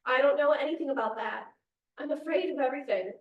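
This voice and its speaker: A woman with a high voice reads a play aloud, sounding anxious, suspicious and blunt. She is far from the microphone, in a room with a lot of echo. Faint noise sits underneath. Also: quick pace, highs cut off. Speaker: actor in a staged reading, playing a cat lover. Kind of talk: stage play reading. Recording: echoey room, distant mic, faint noise.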